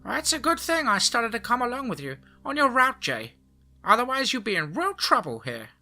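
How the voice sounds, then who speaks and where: A man voicing a tough, fierce elderly grandmother who shouts urgent commands in a story narration. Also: very high voice, big pitch swings, normal speed, faint music behind, pitched above the performer's own voice, heavily acted. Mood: angry, defiant.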